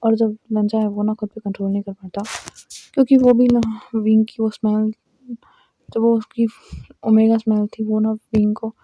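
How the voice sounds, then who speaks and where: A woman's voice: a little high, little pitch movement, normal speed, dull audio, a little hiss or hum. A woman casually retelling a drama's plot in a plain, repetitive storytelling way. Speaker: story narrator.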